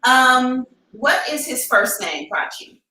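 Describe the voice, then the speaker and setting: A woman's voice: high voice, animated, takes it slowly, sharp tone. An American woman talking casually and candidly on a live stream as a psychic reader, with slangy, informal phrasing, in an empty room. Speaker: psychic reader hosting a live advice show. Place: emptied-out room indoors. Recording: echoey empty room, distant mic.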